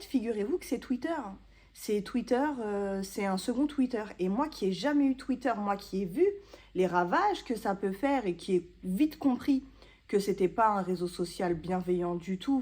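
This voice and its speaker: A woman's voice: mid-range voice, animated, normal speed, dark tone. A woman in her thirties chatting casually to camera in a book vlog, self-mocking and full of small hesitations. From France. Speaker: booktuber.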